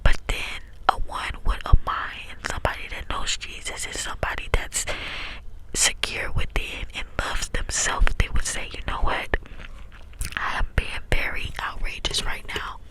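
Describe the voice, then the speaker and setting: A woman's voice: normal speed, low-quality recording. A young woman from Texas whispering an ASMR storytime through cupped hands close to the mic, sometimes repeating phrases over and over. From small town in Texas, United States. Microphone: close ASMR mic, hands cupped around it.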